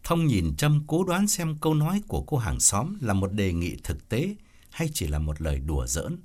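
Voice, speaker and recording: A man narrating an audiobook story in an expressive storytelling manner. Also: fairly low pitch, moderate pace.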